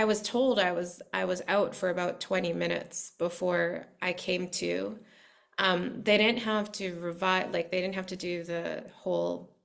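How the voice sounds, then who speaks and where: A woman's voice: on the low side, creaky. A young adult woman hosting a podcast, sharing a personal story earnestly and reflectively, with many fillers. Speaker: podcast host. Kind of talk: heartfelt conversation.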